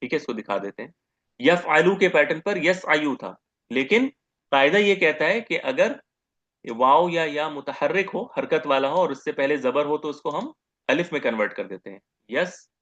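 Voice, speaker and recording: A man giving a grammar lecture as teacher, posing questions to the class, answering them himself and repeating each term slowly. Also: a little high, a bit bright, highs cut off. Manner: asks questions and answers them himself, repeats terms, says "okay" often.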